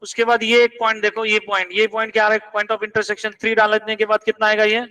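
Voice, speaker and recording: A man's voice: high-pitched, completely flat delivery, fairly quick, sharp tone, distant mic, rough recording. A man teaching math in a classroom, quizzing students and pressing them to check each step. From India.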